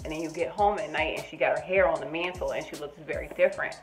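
A woman voicing a condescending young man on a date, speaking low and smug. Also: fast talker, faint music behind, lightly acted.

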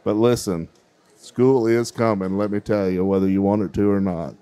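With a lowish, mellow voice and a steady tone, a middle-aged emcee speaks at a moderate pace. He's interviewing child contestants at a kids' baking competition in a big fair hall over a handheld mic, friendly and encouraging throughout.

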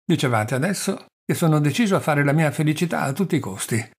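A fawning middle-aged husband who pleads and humbles himself at every turn, voiced by a male audiobook reader. His voice is husky and a little breathy, with a plaintive, servile tone. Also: fairly high pitch, animated, fast talker, voice pushed up. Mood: eager. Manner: plaintive and obsequious. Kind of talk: audiobook character reading.

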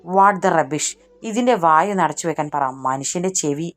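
A woman's voice: fairly low pitch, expressive, normal speed, natural voice. A woman doing a sneering, haughty young woman. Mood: scornful. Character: brash rude young woman, scornful.

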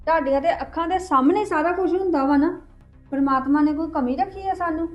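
A woman acting out a resentful young woman in a homemade family drama, confronting her relatives with sharp accusations. Her voice is high, and the recording sounds dull and lo-fi with faint music behind it. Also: brisk, lightly acted. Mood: aggrieved.

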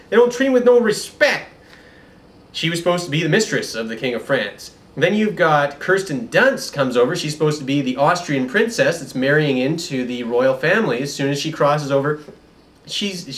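A man hosting a comedy show, delivering a satirical monologue in a deadpan, mock-serious manner. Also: fairly high pitch, recorded from a distance.

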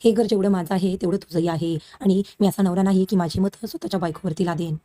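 An angry, scolding patriarch, read by a woman narrator in a quick, mellow recap voice. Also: on the low side, steady tone, no echo, lightly acted. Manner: scolding, insistent. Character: angry stern middle-aged father, head of house.

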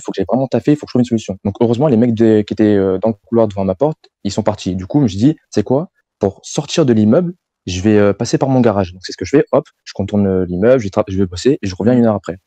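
A man's voice: on the low side, warm tone, no room sound. A young man calling in and telling a long story in casual slang, rambling with lots of fillers. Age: young adult.

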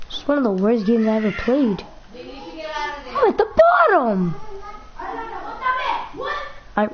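A woman's voice: medium pitch, muffled recording, a little hiss or hum. A young woman talking casually over her basketball video game, chatting in a playful way and often repeating herself. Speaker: gaming YouTuber. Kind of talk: casual gameplay commentary.

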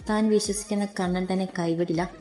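A woman's voice: fairly low pitch, fairly even intonation, fairly quick, dark tone, soft background music, natural voice. A woman voicing a kind female housemaid who reassures a friend, in a storybook reading. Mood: reassuring.

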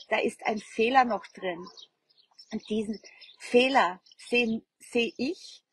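A woman's voice: fairly high pitch, slightly rough. A woman manifestation coach giving a motivational talk, repetitive and insistent, mixing English buzzwords into her speech.

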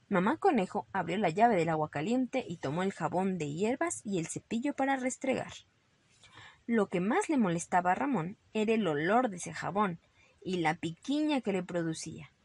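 A woman narrating a children's storybook calmly, ending on a moral. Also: mid-range voice, moderate pace, breathy edge, dry recording.

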